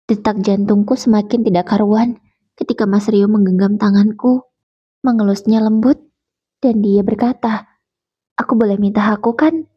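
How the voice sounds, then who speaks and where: Woman telling a sad first-person story, calm, warm and breathy, dull lo-fi sound. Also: medium pitch. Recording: dull lo-fi recording.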